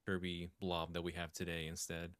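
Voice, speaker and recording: A man's voice: deep voice, completely flat delivery, moderate pace, a bit bright, smooth, dry recording, clean studio sound. A man chatting as a guest on a podcast quiz, easygoing and chuckling. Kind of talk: casual podcast chat.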